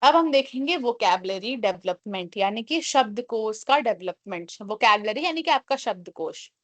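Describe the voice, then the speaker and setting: A woman with a fairly high voice teaches a communication class. She explains in Hindi, slows down to read English definitions and keeps asking the class rhetorical questions. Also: lively intonation, a bit bright. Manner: explains in Hindi, reads English lines slowly. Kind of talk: online class lecture.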